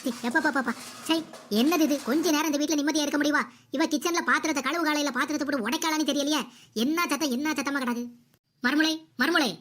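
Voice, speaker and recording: A woman's voice: sits high, a little hiss or hum. A woman voicing a bossy, scolding mother-in-law in a cartoon comedy. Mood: nagging. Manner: nagging, scolding, sharp-tongued.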